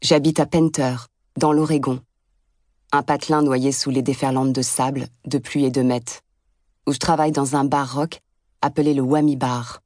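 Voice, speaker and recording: A woman's voice: a bass voice, little pitch movement, moderate pace, a little mellow, no room sound, studio quality. A woman reading an audiobook as a blunt, sardonic first-person narrator.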